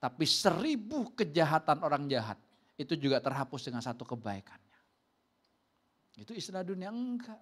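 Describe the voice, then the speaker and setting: Pastor guy preaching, highish voice, tells stories, laughs a lot, jumps way up for quotes. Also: normal speed. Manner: animated storytelling, jumps high for quoted voices; laughs between lines. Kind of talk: sermon.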